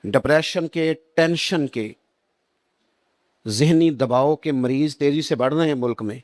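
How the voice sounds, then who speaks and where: A male preacher with a Punjabi accent, telling stories in a sermon and rising high and emphatic on quoted lines. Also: darkish tone, dry recording. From Pakistan.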